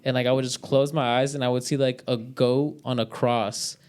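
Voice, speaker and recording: A man's voice: medium pitch, steady tone, normal speed, crowd noise. A young man telling a story in casual podcast chat, rambling and swearing with many fillers.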